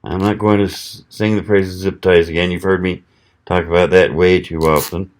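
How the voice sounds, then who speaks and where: A middle-aged man from the American South talks through a knife test in a casual, folksy vlog. His voice sits low and unhurried as he thinks aloud between cuts. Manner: relaxed, folksy, thinking aloud while cutting. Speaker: knife reviewer.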